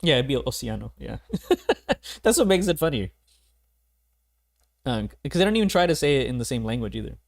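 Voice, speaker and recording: A man's voice: medium pitch, sing-song, moderate pace, gravelly, long pauses. A young man streaming a video game, rambling in casual commentary, laughing often and swearing casually. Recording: game music playing behind.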